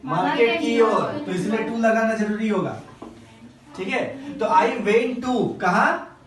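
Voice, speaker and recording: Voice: mid-range voice, crowd noise. Teacher quizzing a class, heard from afar. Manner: slow, drawn-out explanations, quizzing the class. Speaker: English teacher. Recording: echoey classroom from a distance.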